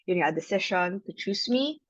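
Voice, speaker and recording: A woman's voice: mid-range voice, animated, fairly quick, no room sound, dull audio. A woman in her twenties with a Filipino accent, telling her personal story as a podcast guest. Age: 20s. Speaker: podcast guest, life coach.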